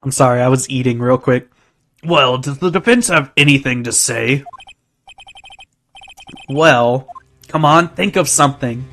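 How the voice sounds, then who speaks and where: A man's voice: medium pitch, measured pace, pauses often, fairly bright tone. A man giving casual, joking commentary while playing through a game, laughing often. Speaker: game streamer. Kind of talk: casual let's play commentary.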